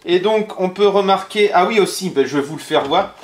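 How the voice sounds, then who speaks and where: A man with a fairly high speaking voice walks through a casual show-and-tell of a console from his collection. He speaks haltingly, filling gaps with "euh" and correcting himself as he goes. His tone is plain and conversational. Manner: hesitant, many fillers and self-corrections. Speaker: video game collector presenting a console.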